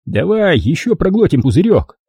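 A man's voice: a little high, big pitch swings, normal speed, warm tone, husky, dry recording, voice pushed up, heavily acted. A man doing a whiny, dim young thug. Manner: complaining, wheedling.

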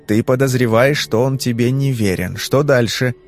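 Audiobook role: male reader as a calm investigator, curt, steady questioning. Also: mid-range voice, a little hiss or hum, close to an everyday voice. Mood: probing. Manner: measured, terse questioning.

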